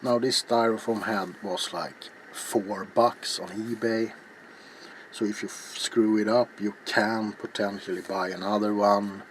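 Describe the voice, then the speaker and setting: A middle-aged man hosts a casual hands-on ASMR craft tutorial, rambling in an offhand, self-deprecating way as he works. His voice is fairly low, a little slow, with fairly even intonation. It's a noisy home recording made in a small, cluttered indoor hobby workshop, with clear background noise.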